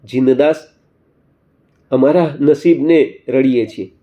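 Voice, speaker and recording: A man's voice: medium pitch, slow pace, muffled recording, lightly acted. A man voicing two lamenting young goddesses in a storybook tale, in his own voice.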